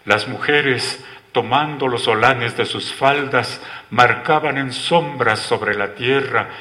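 A man narrating a literary story in a slow, measured reading. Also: medium pitch, bright, forceful tone.

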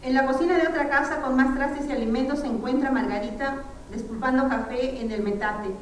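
A woman's voice: sits high, brisk, slight background noise. A woman reading the stage directions of a drama script in a plain, matter-of-fact way, in an echoey room far from the mic. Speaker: narrator.

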